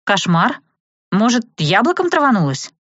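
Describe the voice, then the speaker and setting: A woman's voice: mid-range voice, sing-song, normal speed, fairly bright tone, no echo, muffled recording, pitched above the performer's own voice. A woman voicing a fussy, squeamish young roommate. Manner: fussy, grimacing.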